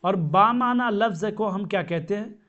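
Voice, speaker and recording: A man's voice: high voice, moderate pace, fairly bright tone. A man teaching a grammar lesson, who asks questions and answers them himself and repeats each term. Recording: dull lo-fi sound.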